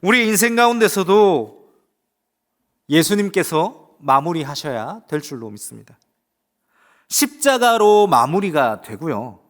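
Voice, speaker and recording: A man pastor delivering a sermon, swinging between loud rising exclamations and hushed asides, putting rhetorical questions to the congregation. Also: fairly high pitch, sing-song, a little slow. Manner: emphatic preaching with rising exclamations and quiet asides.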